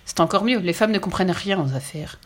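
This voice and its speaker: A woman voicing a pompous, greedy rich gentleman who talks down to children in a storybook reading. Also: fairly low pitch, lively intonation, fairly quick. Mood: scornful. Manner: curt and dismissive.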